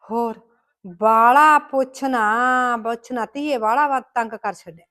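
A woman's voice: a little high, slow, pushed and bright. A woman with a Malwai Punjabi accent playing a grumbling, scolding village mother-in-law in a comic skit. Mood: gossipy complaining. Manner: scolding, rustic and emphatic.

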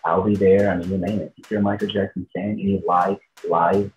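A Brazilian tribute show performer in his thirties, whose native language is Portuguese, answers interview questions loosely in a Brazilian accent. His voice sits low with a darkish tone and little pitch movement, and he speaks briskly. The audio is poor, with slight background noise.

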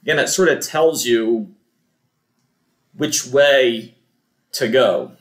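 Man, church cantor, slow patient explainer, mid-pitched, echoey church sound. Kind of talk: explaining to a congregation. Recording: roomy echo.

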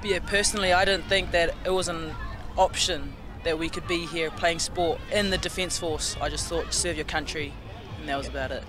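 A woman's voice: fairly low pitch, fairly even intonation, moderate pace, a crowd in the background. A young woman rugby player from Fiji, answering thoughtfully in an outdoor interview with a handheld mic. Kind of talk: casual interview. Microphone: handheld reporter mic.

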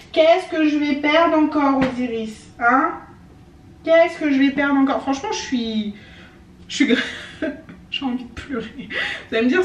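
A young adult woman chatting casually to camera at home as a beauty vlogger, expressive and quick to poke fun at herself. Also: a little high, distant mic. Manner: chatty, expressive, self-mocking. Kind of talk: casual vlog chat. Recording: roomy, from the mic, faint background hum.

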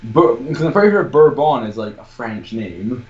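A man's voice: medium pitch, lively intonation, normal speed, highs cut off, crowd noise. A young man co-hosting a podcast, argumentative and gloating in casual chat. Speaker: podcast co-host.

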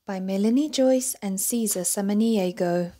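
A woman reading a children's picture book aloud, gentle and expressive. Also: mid-range voice, moderate pace. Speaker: storyteller.

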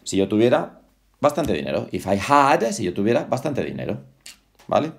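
A man's voice: medium pitch, very animated, normal speed, gravelly. A man giving a casual English lesson at home. He repeats words again and again, corrects pronunciation and drops chatty asides about being in a hurry. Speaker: English teacher. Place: home with a dog.

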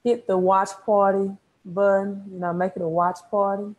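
A woman's voice: medium pitch, level tone, normal speed, darkish tone, rough recording. A woman in her thirties with a Southern Mississippi accent, coaching informally on a live stream, repeating words for emphasis and often checking in with "right?". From Mississippi, United States. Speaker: credit repair coach. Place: small room at home, indoors.

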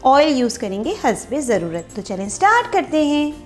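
A woman's voice: high-pitched, big pitch swings, moderate pace. A woman walks viewers through a recipe step by step in her home kitchen while cooking. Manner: step-by-step explaining while cooking, frequent "dekhein" asides. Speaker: cooking channel host. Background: soft background music and frying sizzle.

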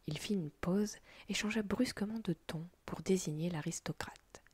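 A woman telling a story as a whispered role-play, in a breathy unvoiced whisper with soft, slow delivery. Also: fairly low pitch.

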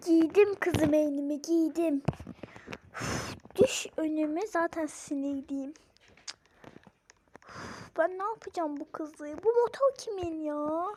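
A fed-up, scolding mother, played by a woman in a game role-play, her voice very high and sharp-edged. She huffs and sighs, and her talk is full of complaints and pleas to God. A faint hiss sits underneath. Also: slow, long pauses. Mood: exasperated. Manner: scolding, sighing, exclaiming to God. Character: scolding exasperated mother of a troublesome daughter.

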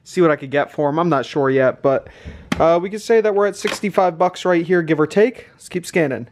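Speaking a little fast in a higher-pitched voice, this reseller hosting a thrifting channel offers casual vlog commentary. He thinks out loud while adding up numbers. The audio has a clean background with some clicks.

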